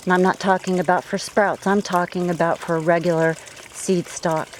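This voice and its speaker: A woman's voice: fairly low pitch, level tone, moderate pace, a little hiss or hum, low-quality recording. A woman in her garden, slightly out of breath, giving chatty practical gardening tips with frequent fillers. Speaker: gardening vlogger. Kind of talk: casual outdoor garden tips. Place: outdoor garden.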